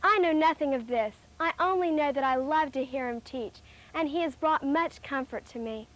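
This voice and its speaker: A humble widow of Bible times acted by a woman, in a high-pitched voice. She speaks with earnest pleading, as in a children's audio drama. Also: normal speed, a bit bright, rough recording. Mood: anxious pleading.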